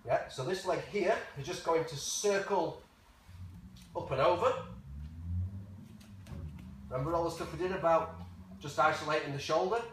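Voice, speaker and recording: A man's voice: on the high side, moderate pace, long pauses, fairly bright tone. A man coaching a jiu jitsu class, talking through a hands-on demonstration step by step in short, casual phrases. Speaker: martial arts coach. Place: large echoey indoor training room. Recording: very echoey, noisy room, far from mic.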